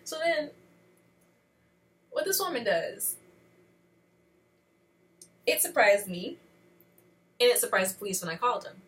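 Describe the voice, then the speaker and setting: A young adult woman vlogging, telling a story in a casual, animated, chatty way. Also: fairly high pitch, measured pace, pauses often. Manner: animated, chatty, acts out dialogue.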